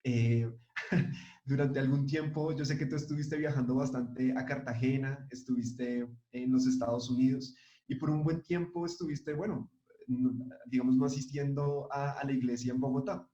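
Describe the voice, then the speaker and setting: A man conducts an interview, asking questions haltingly with fillers. His voice is mellow and relaxed. The room is echoey and the sound is dull. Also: mid-range voice. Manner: halting, many fillers and restarts, friendly.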